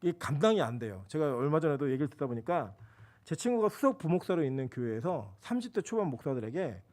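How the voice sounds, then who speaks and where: A man preaching a sermon in a fairly high voice that rises and falls with lively swings. He moves between loud, emphatic bursts and hushed, low asides as he drives each point home. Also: quick pace. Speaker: pastor.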